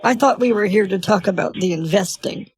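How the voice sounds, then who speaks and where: A man's voice: sits high, brisk, a crowd in the background, voice pushed up. A man voicing a fussy, easily confused elderly woman who talks in a doddering, querulous way.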